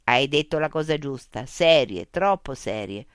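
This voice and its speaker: A woman's voice: a bass voice, expressive, unhurried, clear, resonant tone, dry recording, clean studio sound. A woman voicing a forthright, confident woman scientist.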